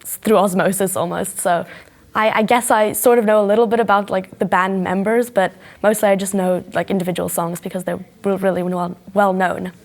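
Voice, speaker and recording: A woman's voice: mid-range voice, fairly even intonation, fairly quick. Chatty young woman from South Africa. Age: young adult. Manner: chatty, lots of "like". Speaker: interviewee. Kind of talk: casual chat.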